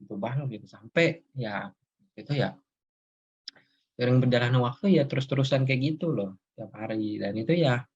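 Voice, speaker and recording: Young guy hosting, husky voice, rambly and laughy, kinda dull lo-fi sound. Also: medium pitch, moderate pace, a little mellow. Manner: rambling, many fillers and laughs. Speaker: host. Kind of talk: casual chat.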